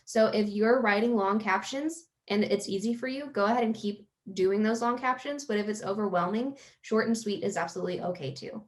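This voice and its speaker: A woman's voice: mid-range voice, fairly quick, few pauses. A woman, a guest social media coach, giving conversational, emphatic advice in a casual webinar.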